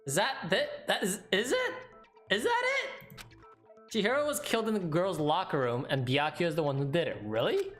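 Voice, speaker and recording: A casual let's player comments on a game and reads it aloud in a mid-pitched voice. The roomy, echoey recording has faint music behind. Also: animated, brisk, few pauses, a bit bright. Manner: casual, profane, reactive.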